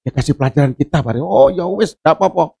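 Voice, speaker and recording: A man preaching a sermon in a church service, his high voice husky with a gravelly edge. He tells stories with jokes, drops to low murmurs and then rises to shouted preaching, and his pitch leaps all over. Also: animated, quick pace. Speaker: pastor.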